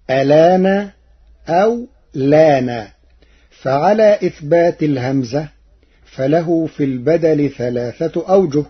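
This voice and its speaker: Slow husky guy explaining readings, chants the examples, dull old radio sound. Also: on the high side. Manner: measured, intones quoted verses slowly. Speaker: radio presenter explaining Quran reading variants. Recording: dull lo-fi archival radio recording.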